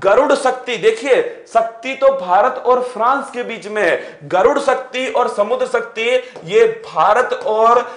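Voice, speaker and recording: A man's voice: extremely high pitch, unhurried, hardly any pauses, fairly bright tone. A man teaching an exam-prep lecture with energy, firing rhetorical questions and calling his students playful pet names. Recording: echoey room.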